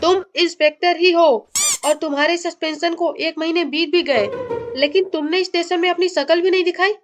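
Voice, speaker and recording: A woman's voice: very high voice, fairly even intonation, normal speed. A woman voicing a pompous, broke male police chief in a cartoon comedy, complaining in a self-pitying way. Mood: scolding. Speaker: cartoon character voice. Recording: loud music bed under voice.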